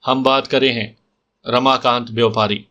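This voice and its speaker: A stern middle-aged trader , voiced by a man, speaks with a ringing voice. His tone stays soft and cold as he coaxes. The pitch sits in a middle range. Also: level tone, lo-fi sound, close to an everyday voice. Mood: cold, coaxing.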